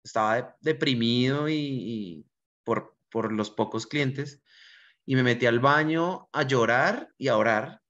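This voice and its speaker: In an interview, a man who owns a restaurant and speaks with a Colombian accent thoughtfully shares his personal history. He talks a little slowly in a medium pitch with a fairly bright tone, and the audio is dull and lo-fi.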